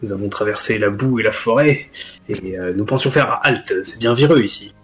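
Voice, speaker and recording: A man's voice: lowish voice, moderate pace, fairly bright tone, soft background music, close to an everyday voice. A man voicing a rustic, peasant-born adventurer who introduces his party in a plain, friendly way.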